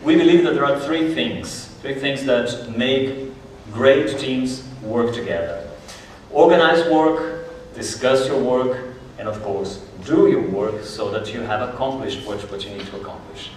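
Speaking at a measured pace, this mid-pitched conference speaker, a Brazilian man in his forties, keeps his presentation warm and chatty while gesturing freely. The mic catches him from a distance, with the large hall giving strong echo and a low hum of ambience.

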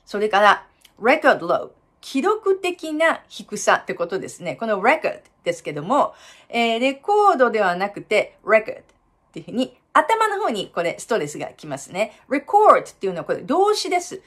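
A woman coaching American English pronunciation, explaining points in a lively way and reading English slowly and carefully. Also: medium pitch. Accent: American English when reading. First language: Japanese. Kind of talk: pronunciation lesson.

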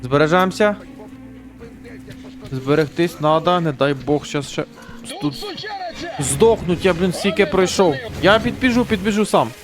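A gaming channel host gives casual let's-play commentary, chatting, swearing, and joking to himself as he plays. His voice is a little high and unhurried, with long pauses, while game music and gunfire sound in the background.

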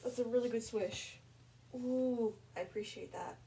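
A woman chatting casually while unboxing, gushing and excitable, and a bit sniffly, swinging between squeals and soft murmurs. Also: fairly high pitch, unhurried, gravelly, slight background noise. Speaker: vlogger unboxing a fursuit.

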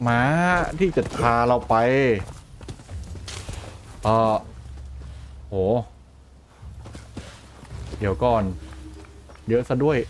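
A man hosting a gaming channel, giving chatty, playful let's play commentary with excitable outbursts during fights. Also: medium pitch, very slow, long pauses, slight background noise. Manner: playful, chatty banter with in-game characters.

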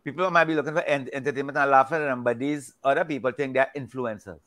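Speaking fast with a medium-pitched, steady and fairly bright voice, an older Trinidadian man discusses faith as a guest on a webcam video call. He's indoors at home behind a virtual backdrop, and his talk is folksy and rambling, full of repeated words.

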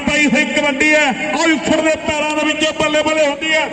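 A man's voice: very high voice, monotone, fairly quick, bright, forceful tone. A man with a Punjabi accent giving frantic rural sports commentary on kabaddi, chanting and repeating his phrases. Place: outdoor village sports ground. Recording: distant echoey PA speaker, noisy outdoor ground.

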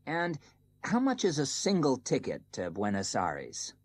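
A woman voicing a customer asking about a trip in a scripted listening-test recording, with a measured, careful delivery. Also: very deep voice, huge pitch swings, breathy edge, no room sound, heavily acted. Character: female customer planning a trip.

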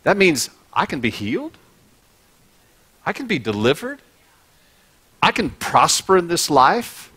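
A man's voice: on the high side, big pitch swings, a little slow, pauses often, pushed and bright, slightly rough. A middle-aged man, a pastor, preaching a conversational and humorous sermon on a large church stage, through a body-worn mic. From United States.

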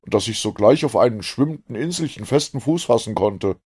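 A bold Canadian harpooner, blunt and emphatic, his voice pushed loud and higher than the reader's own, as a male narrator puts him on. There's a husky edge to it. He speaks in a storybook audiobook. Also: expressive, brisk. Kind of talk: audiobook character voice.

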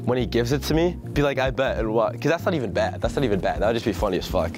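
A young man talking casually in a prank vlog, joking and laughing often with quick slangy talk, filmed on a handheld camera in stores and outside. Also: mid-range voice, animated, music in the background. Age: young adult. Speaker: vlogger. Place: stores, parking lot and gas station, indoors and out.

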